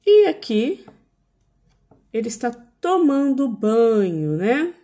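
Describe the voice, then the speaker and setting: In slow, stretched-out pronunciation drills, a Brazilian Portuguese-accented woman teaches young children English words, patiently saying each one several times. Her dark voice sits on the high side and swings widely in pitch, and she speaks slowly.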